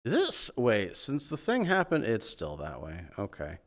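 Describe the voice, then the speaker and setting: A man's voice: lowish voice, huge pitch swings, unhurried, fairly bright tone. A man streaming, chatting casually to himself and thinking aloud. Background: faint music.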